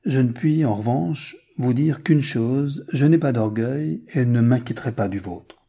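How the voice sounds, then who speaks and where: A man's voice: medium pitch, measured pace, gravelly, mellow, slightly rough. A man reading the lines of a frank, determined rich American, blunt and earnest.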